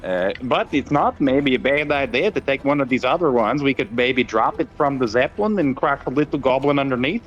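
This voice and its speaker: A man thinking aloud with pauses while playing a tabletop game over a video call. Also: mid-range voice, expressive, dull audio. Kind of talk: casual online game chat.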